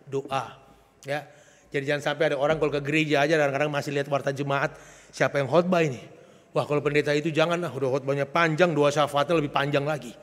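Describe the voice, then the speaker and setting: Joking preacher with booming hall echo. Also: male voice. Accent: Indonesian. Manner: lively, joking preacher with sudden loud emphatic swells. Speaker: pastor. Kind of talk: sermon. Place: church sanctuary. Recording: long church reverb.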